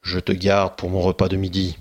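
A man voicing a greedy, gruff male ogre in a children's story read aloud. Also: sits low, completely flat delivery, moderate pace, a little mellow.

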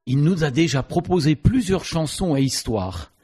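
Male presenter for a kids' story slot; husky, somewhat high, animated. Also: normal speed. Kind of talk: introducing a story for children.

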